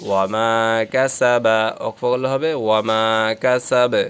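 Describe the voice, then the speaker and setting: A man's voice: mid-range voice, steady tone, moderate pace, a little hiss or hum. A man teaching Quran reading, patiently spelling out each syllable letter by letter and joining them into words.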